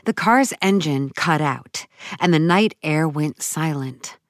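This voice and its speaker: Woman audiobook narrator, slow unhurried delivery, dry close-miked sound. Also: deep voice, animated, dry recording. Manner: slow, measured and dramatic. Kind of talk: first-person audiobook narration.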